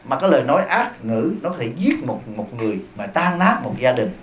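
A man, a Buddhist abbot giving a lively, humorous sermon that teases and questions the audience. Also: mid-range voice, fairly quick. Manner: humorous, teasing, addresses the audience. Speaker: Buddhist monk and abbot giving a dharma talk. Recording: echoey hall.

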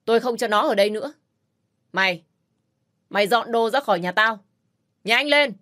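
A woman doing a spiteful, shrill sister-in-law. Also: expressive, moderate pace, natural voice. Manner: sneering, shrieking insults.

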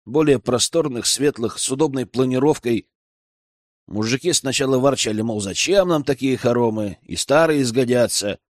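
A man narrating a first-person story in an expressive, storytelling manner. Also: medium pitch, moderate pace, no echo, clean studio sound.

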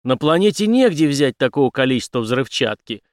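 A man playing a loud brash veteran brawler. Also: high voice, lively intonation, normal speed, no room sound, clean studio sound, voice pushed up. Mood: angry scornful. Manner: loud, blunt, scornful. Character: brash hard-drinking male space veteran, hot-tempered.

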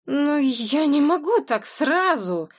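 Woman doing a timid glum thirty-something, flustered protests, kinda high. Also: very animated, slow, exaggerated voice. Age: 30s.

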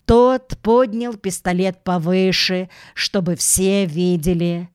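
A woman reading a children's audiobook aloud, with a measured, gentle storytelling manner. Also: lowish voice, fairly even intonation, smooth, no echo, clean studio sound. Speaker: audiobook reader.

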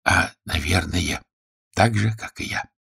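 A man's voice: low voice, a little slow, vocal fry, slightly rough, heavily acted. A man reading a story aloud and voicing a reformed male crook who speaks fondly and coaxingly to his fiancée. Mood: reassuring. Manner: fond, gently coaxing. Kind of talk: audiobook character voice.

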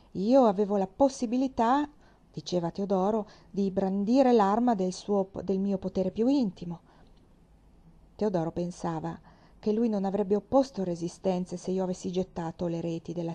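A woman reading a historical novel aloud in the first person, expressive and dramatic, sometimes rising to loud outbursts. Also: medium pitch. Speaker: reader.

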